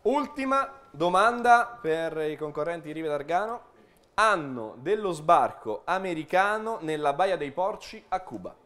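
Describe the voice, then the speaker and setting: A man's voice: on the high side, animated, measured pace, fairly bright tone. A man co-hosting a live quiz show on a stage with playful banter. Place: stage in a hall with seated audience.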